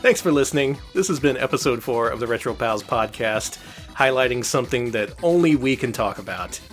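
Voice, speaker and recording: A man's voice: mid-range voice, lively intonation, faint music behind. Wry jokey man hosting a podcast. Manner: jokey, wry, quick asides. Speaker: podcast co-host. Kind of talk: casual podcast chat.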